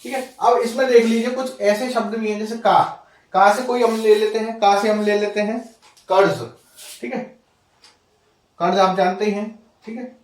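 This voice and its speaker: A man teaching a Hindi grammar lesson for exam students. He explains step by step, repeats the example words, asks the class questions and keeps saying "okay" between points. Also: high-pitched. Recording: echoey room, voice from far off the mic.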